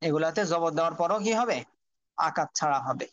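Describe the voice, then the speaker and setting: A man's voice: on the high side, brisk, fairly bright tone, dry recording. Man teaching letters over lo-fi audio. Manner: patient, repetitive drilling. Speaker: teacher of Quran reading. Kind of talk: online lesson, spelling out Arabic letters.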